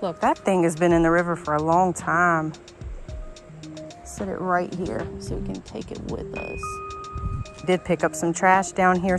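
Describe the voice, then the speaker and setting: A woman, chatting excitedly to viewers while filming a fishing trip outdoors on a rocky riverbank. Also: lowish voice. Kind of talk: casual outdoor vlog narration. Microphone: action camera worn on the body. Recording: background music over outdoor audio.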